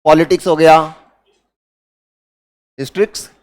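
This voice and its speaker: A man's voice: on the high side, level tone, measured pace, a little mellow. A man with an Indian accent giving a grammar lecture in a classroom, who asks his students questions and then answers them himself. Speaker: English teacher.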